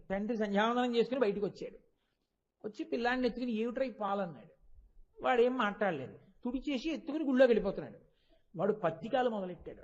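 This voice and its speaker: A man delivers a devotional discourse in a very high, ringing voice, telling a sacred story with emphatic rises and falls. He briefly voices the characters as he goes. The audio is dull and lo-fi. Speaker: religious discourse speaker.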